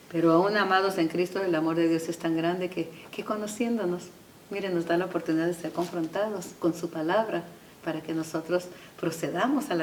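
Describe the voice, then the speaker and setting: A woman preaching a sermon with passion, swelling to loud emphatic peaks and slipping English phrases into her talk. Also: low-pitched, slight background noise. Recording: echoey room, voice from far off.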